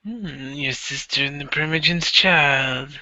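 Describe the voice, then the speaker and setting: A man voicing a calm, scheming older vampire father who speaks slowly and knowingly. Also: on the high side, no room sound. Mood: measured. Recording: dull lo-fi recording.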